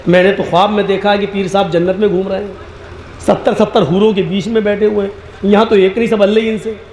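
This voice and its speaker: A man voicing a disappointed disciple who complains to his pir in a lower, grumbling voice. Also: flat delivery, fast, a little mellow, reverberant, slight background noise. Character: dismayed male disciple of a pir.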